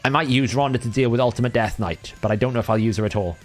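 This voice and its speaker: Over soft background music, this medium-pitched man races through his casual gameplay commentary. He's a livestream host from Wales whose first language is Welsh, and he talks things through in a chatty way, frequently catching and fixing his own words.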